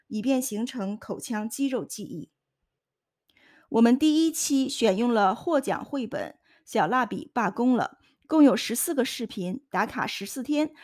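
A woman's voice: a little high, darkish tone. Woman explaining pronunciation step by step. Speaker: host and pronunciation tutor.

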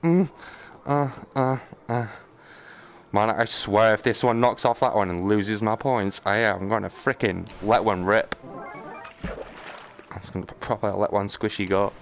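This streamer is a man whose lowish voice moves a little slowly. He narrates his gameplay live in a casual, jokey, self-deprecating way, muttering and exclaiming to himself, against noticeable background noise and game ambience.

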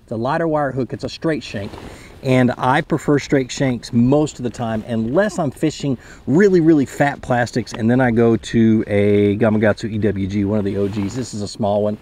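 Explaining a fishing method from his kayak on a lake, a man in his thirties who runs a fishing channel speaks to a close front-mounted camera. His mid-range, slightly mellow voice keeps a moderate pace in a chatty, explanatory tutorial full of restarts.

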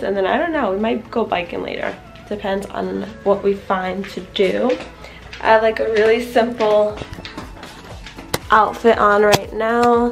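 A young woman chatting upbeat to her viewers in a casual travel vlog, filming herself with a handheld camera. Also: medium pitch. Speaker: vlogger. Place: hotel room and beach.

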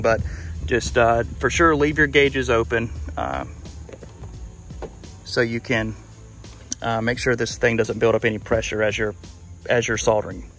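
A man's voice: mid-range voice, a bit bright. A man working as an HVAC technician, explaining a repair outdoors in a casual, plain-spoken way with fillers. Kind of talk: on-the-job explaining. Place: outdoors at an air conditioning unit.

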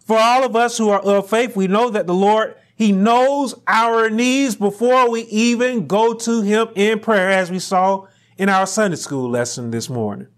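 A middle-aged man preaching a sermon from a pulpit in a small church room, building to near shouts on key lines. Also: sits high. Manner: rising to near shouts on emphatic lines, slow deliberate phrasing. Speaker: pastor.

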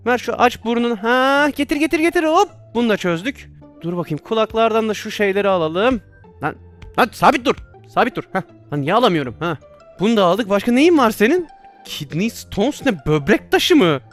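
A man's voice: high voice, very animated, brisk, faint music behind. A man playing a virtual reality doctor game, commenting casually and exclaiming and laughing at his own mistakes. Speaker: VR gameplay streamer.

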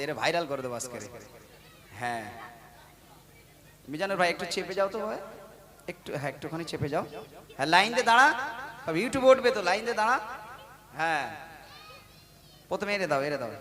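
A man banters with children in a village lane. His voice sits a little high, and he teases, jokes and calls them forward loudly. It is recorded outdoors. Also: expressive, fairly quick, pauses often. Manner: teasing, joking, loud calls to the kids. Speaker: gojol singer talking to village children.

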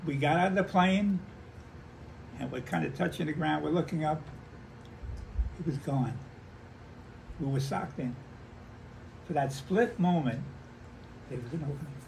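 A very old American man with a gravelly, fairly high voice. He is a veteran remembering his younger days, telling stories haltingly and voicing the people in them. The recording is a slightly noisy handheld one made at home. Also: a little mellow. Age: 90s. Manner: halting, repeating himself, acting out remembered dialogue. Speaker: war veteran interviewee. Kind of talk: old veteran reminiscing, conversational storytelling.

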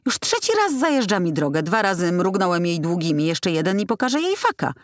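A man's voice: high-pitched, big pitch swings, a little fast, a bit bright, no echo, clean studio sound. A woman voicing a hot-tempered male driver in an audiobook, snapping and raising his voice in anger. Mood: angry. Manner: angry, snapping, raised voice.

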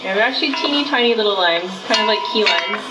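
A woman's voice: mid-range voice, lively intonation, fast talker. A young woman presenting a casual cooking demonstration in a home kitchen, chatty and explaining each step. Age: young adult. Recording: roomy kitchen sound with faint music.

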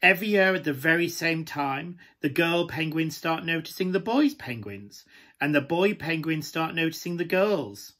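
A man performing a glamorous, camp pantomime dame with a British accent and a husky, breathy voice, coaxing listeners through a children's story. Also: fairly high pitch, lively intonation, normal speed, bright, forceful tone. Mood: cosy, playful. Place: small room at home, indoors.

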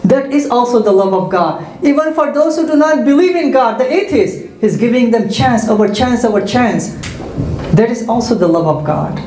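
Animated and very high-pitched, with a darkish tone and normal speed, an Islamic speaker whose mother tongues are Hindi and Urdu responds to students' questions. He explains point by point, checking with "right?", into a handheld mic in a large, echoey indoor community hall, with a little hiss or hum.

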